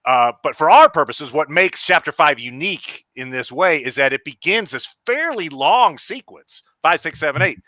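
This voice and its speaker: A man's voice: fairly high pitch, lively intonation, moderate pace, few pauses, pushed and bright, dry recording. A man co-hosting a casual book discussion podcast, talking in a rambling, easygoing way. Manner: conversational, rambling, easygoing asides. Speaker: podcast co-host.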